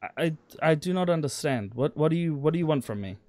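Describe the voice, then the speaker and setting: A man's voice: fairly high pitch, lively intonation, quick pace, darkish tone, no echo, close to an everyday voice. A man voicing a proud foreign woman doctor, speaking stiff, broken English with a German accent. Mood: confused. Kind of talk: in-character tabletop role-play.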